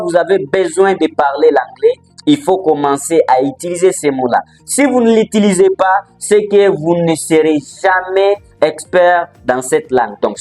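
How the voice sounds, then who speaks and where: A man teaching an English lesson in a lively, emphatic way, repeating words for emphasis, with faint music behind. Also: sits high. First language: not English. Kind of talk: motivational language lesson. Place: language training center in Likasi.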